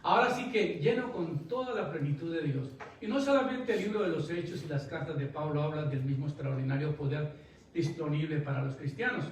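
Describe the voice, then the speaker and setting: A man preaching from the pulpit with a fairly high voice, carried across a big echoing church sanctuary. He tells his story in a storytelling way and climbs into emphatic bursts. The mic catches him from a distance, with a faint hiss underneath. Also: fairly quick. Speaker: pastor. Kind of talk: sermon. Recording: echoey church hall, from a distance.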